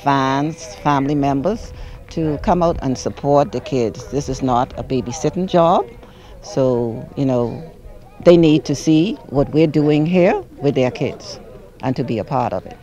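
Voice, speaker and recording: A Bahamian woman, a sports league president, speaking slowly and hesitantly with fillers in a news interview. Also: rumbling low, warm tone. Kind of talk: interview soundbite. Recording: dull audio with a crowd behind.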